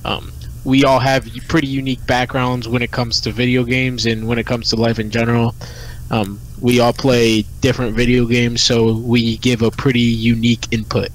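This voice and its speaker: A man's voice: medium pitch, level tone, normal speed, rough recording. A young man co-hosting a podcast, chatting casually. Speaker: podcast co-host. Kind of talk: casual chat.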